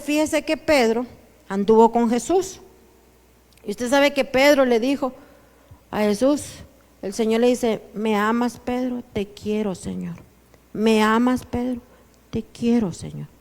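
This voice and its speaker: A woman pastor with a Honduran Spanish accent, preaching a sermon that swings between soft asides and loud declarations. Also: on the high side. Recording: church hall with long reverb.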